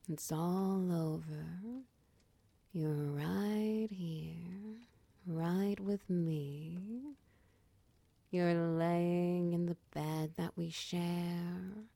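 A woman playing a tender, protective girlfriend in a whispered comfort roleplay, talking softly and reassuringly, close to the mic. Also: on the low side, gravelly, dry recording, heavily acted. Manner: soft, slow, reassuring, half-whispered. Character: tender protective dominant girlfriend, doting and patient. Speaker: audio roleplay performer.

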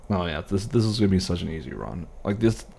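Man playing easygoing pilot, casual cockpit chat, deep mellow voice, halting phrasing, faint background noise. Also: lively intonation, vocal fry. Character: chatty easygoing male airline pilot in the cockpit. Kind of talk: improvised one-sided role-play conversation.

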